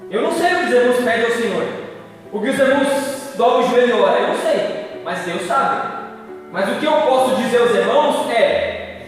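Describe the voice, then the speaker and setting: A man preaching with a Brazilian accent, speaking in a fervent, sing-song cadence to a congregation. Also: very high voice. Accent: Brazilian Portuguese. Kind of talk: church sermon. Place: large church hall. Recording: echoey hall from far off.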